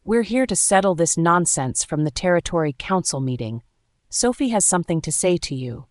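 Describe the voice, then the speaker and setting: A woman's voice: fairly low pitch, animated, normal speed, no room sound, clean studio sound, close to an everyday voice. A woman voicing a harsh alpha wolf man. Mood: commanding. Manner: harsh, commanding. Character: domineering male alpha werewolf leader. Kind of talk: storybook narration.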